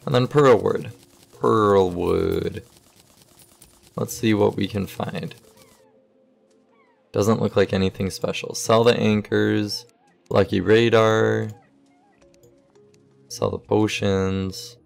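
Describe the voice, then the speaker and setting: A young man giving relaxed, casual commentary over his game, thinking aloud as he sorts items, with the hiccups. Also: fairly low pitch, takes it slowly, vocal fry, long pauses, soft background music. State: has the hiccups. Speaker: gaming YouTuber.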